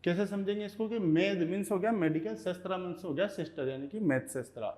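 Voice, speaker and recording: A man teaching Russian vocabulary in Hindi, repeating each word slowly and checking in with "okay" as he goes. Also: high-pitched, darkish tone. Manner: repeats words slowly, often says "ठीक है". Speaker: language teacher.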